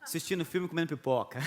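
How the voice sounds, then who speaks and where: Brazilian pastor guy, middle-aged, high voice, lively storytelling sermon w little chuckles. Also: moderate pace. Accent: Brazilian Portuguese. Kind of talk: video sermon message.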